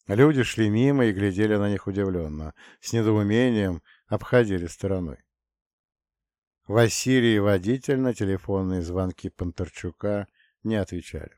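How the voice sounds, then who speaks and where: A man narrating a story in a steady, dramatic audiobook style. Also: on the low side, moderate pace, no room sound, studio quality. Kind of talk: scripted narration.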